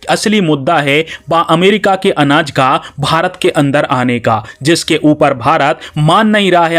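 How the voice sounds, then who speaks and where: A man's voice: a little high, fairly bright tone. A man hosting an online news channel, giving casual, chatty news commentary straight to the viewer. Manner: chatty, addresses the viewer as brother.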